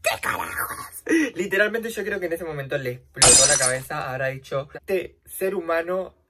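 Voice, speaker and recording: A woman's voice: expressive, normal speed, heavy background noise. A young woman with a Rioplatense accent telling a dramatic, slangy story while doing her makeup for a vlog. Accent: Rioplatense Spanish. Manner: dramatic, slangy, swings between loud outbursts and low asides. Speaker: vlogger.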